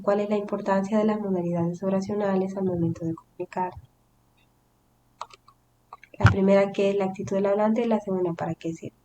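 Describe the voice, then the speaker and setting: Mellow-voiced woman teacher explaining patiently. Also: mid-range voice, slight background noise. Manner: patient, explains step by step, restates terms with "o sea"; reads example sentences with acted intonation. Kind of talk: recorded online language lesson.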